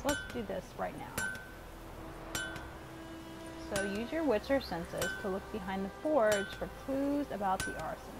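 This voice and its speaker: A woman's voice: medium pitch, expressive, moderate pace, heavy background noise. A woman doing casual gameplay commentary and reading game notices aloud. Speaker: let's play gamer.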